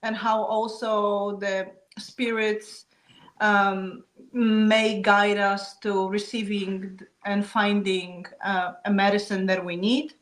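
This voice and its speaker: A woman of middle pitch explains her topic at a calm, steady pace and laughs softly now and then. Her voice carries a noticeable roomy echo. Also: slow. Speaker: guest speaker. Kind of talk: explanatory talk on traditions.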